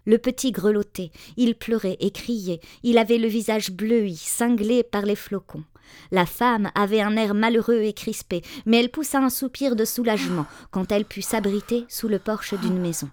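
A woman reads a storybook tale aloud, measured and expressive. Her voice sits in a natural middle register and sounds close and dry. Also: medium pitch, no room sound. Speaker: narrator. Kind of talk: storybook reading.

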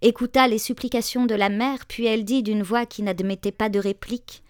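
A woman narrating a storybook tale in a measured, expressive reading voice. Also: a little high, no echo, clean studio sound.

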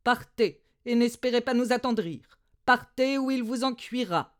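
A woman's voice: on the high side, a little slow, noisy background, lightly acted. A woman voicing an irritated male servant who dismisses a beggar in a curt, dry tone. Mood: curt dismissive.

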